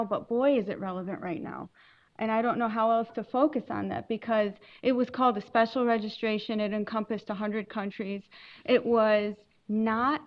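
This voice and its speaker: A woman from Lebanon speaking on a legal panel, earnest and emphatic, pausing and correcting herself as she explains. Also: on the high side, dull audio. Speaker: immigration attorney on a panel. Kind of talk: panel talk to an audience.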